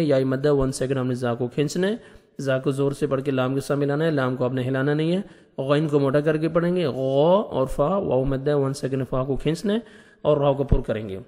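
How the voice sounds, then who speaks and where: A man teaching Quran reading, explaining each letter step by step and slowly reciting verses in a drawn-out, melodic way. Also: medium pitch, a little mellow, big-room sound. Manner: patient, step-by-step letter instruction. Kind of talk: tajweed lesson, slow recitation between explanations.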